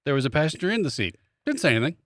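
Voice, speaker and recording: A podcast co-host with a highish, slightly bright voice races through a casual comic anecdote, very animated. Wry and exasperated, he acts out both sides of the conversations. The recording is dry and has clean studio sound.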